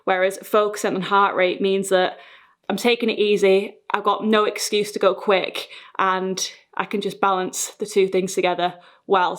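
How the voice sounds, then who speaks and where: A woman fitness vlogger chatting casually and informally to her viewers. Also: medium pitch. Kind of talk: casual vlog talk.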